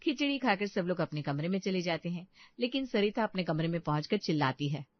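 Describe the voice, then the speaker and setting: A woman's voice: fairly low pitch, expressive, brisk, dry recording. Woman narrating a family story. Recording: dull lo-fi dry recording.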